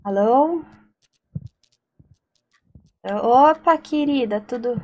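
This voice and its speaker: A woman's voice: fairly high pitch, drawn-out words. A Brazilian woman streaming a horror game, talking nervously to herself and the game and reading notes aloud. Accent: Brazilian Portuguese. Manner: jittery, talks to herself and the game, frightened exclamations. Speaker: gaming streamer.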